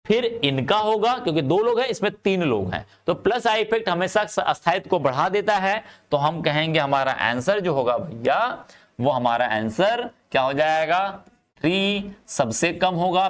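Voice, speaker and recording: Male online chemistry tutor, slightly higher voice, repetitive and coaxing with students. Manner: urges students to answer quickly, repeating phrases; calls students "bachcha" and "bhai". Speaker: chemistry teacher. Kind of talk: live online class lecture.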